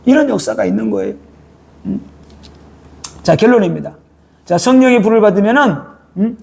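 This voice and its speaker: Man preaching, gravelly, husky, colloquial, keeps checking with listeners. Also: sits high, very animated, moderate pace, darkish tone. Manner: colloquial, prods listeners with repeated "eh?". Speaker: pastor. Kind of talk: sermon. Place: church.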